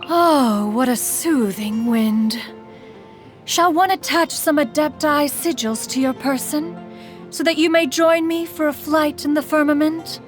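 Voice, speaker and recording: A woman's voice: sits high, measured pace, soft background music. A woman voicing a haughty, eccentric female immortal crane spirit and inventor in a video game, speaking formally and calling herself "one". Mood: lofty. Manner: formal, archaic speech, calls herself "one"; haughty yet teasing. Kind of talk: video game character voice lines.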